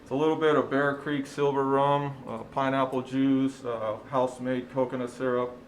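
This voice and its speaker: A friendly man from Chile who owns a restaurant, talking in a rambling way full of ums and uhs. His pitch is medium for a man, and a roomy studio echo with faint hiss surrounds him. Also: level tone, moderate pace. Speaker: restaurant owner. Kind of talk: interview.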